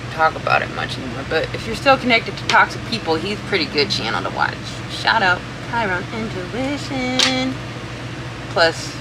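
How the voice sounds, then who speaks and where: Slow, halting tarot reader over fan noise. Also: mid-range voice. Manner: informal, sweary, halting, thinking aloud. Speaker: tarot reader, channel host. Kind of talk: casual rambling tarot reading. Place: room with a fan running. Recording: steady fan noise throughout.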